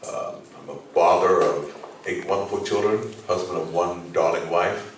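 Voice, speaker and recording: An older man giving a halting public speech to a community forum, with many pauses and fillers. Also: sits low, slight background noise. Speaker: candidate speaking at a community forum. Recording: echoey hall from far off.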